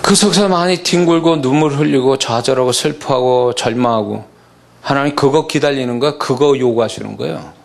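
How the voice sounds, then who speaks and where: A male pastor delivering an emphatic sermon that builds from quiet reflection to loud preaching. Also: mid-range voice, fairly quick, gravelly.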